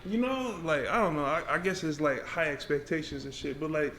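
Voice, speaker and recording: A man's voice: a little high, fairly quick, a bit bright, a little hiss or hum. A man co-hosting a casual podcast chat, laid-back and slangy, often trailing off. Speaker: podcast co-host.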